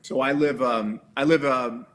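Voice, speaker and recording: Male guest, mid-pitched, chatty storyteller with frequent ums and restarts. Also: measured pace, a little hiss or hum. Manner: animated storyteller with many fillers and restarts. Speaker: guest, animal trainer. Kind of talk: casual interview chat.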